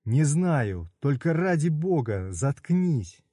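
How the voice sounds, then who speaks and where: Brief: a male reader plays a blunt, stern comrade, low and mellow, storybook reading, dry sound. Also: sing-song, takes it slowly, no room sound, exaggerated voice. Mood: curt. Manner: curt, blunt. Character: stern weary man calming his comrade.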